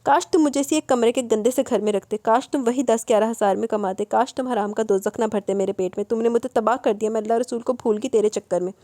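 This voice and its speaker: A woman's voice: fairly high pitch, few pauses, dark tone, no room sound, natural voice. A woman voicing a heartbroken neighbor wife in a storybook reading, tearful and pleading. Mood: grieving.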